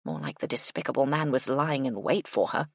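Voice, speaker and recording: A woman narrating a cozy mystery audiobook in a measured, expressive reading style. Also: rumbling low, creaky, no echo, studio quality. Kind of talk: scripted narration.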